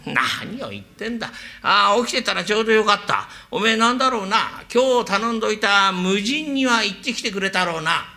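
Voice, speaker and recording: Guy doing a curt old edo dad, scolding, bright and gravelly. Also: sits high, lively intonation, a little fast, hardly any pauses, voice pushed up, full character voice. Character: gruff old male merchant father. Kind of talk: rakugo storytelling.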